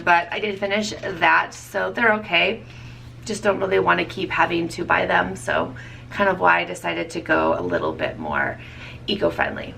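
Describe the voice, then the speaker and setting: A woman's voice: medium pitch, creaky, bright, forceful tone, recorded from a distance, slight background noise. A woman in her thirties chatting casually as a beauty vlogger, rambling and correcting herself with small laughs. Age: 30s. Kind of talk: casual product review chat.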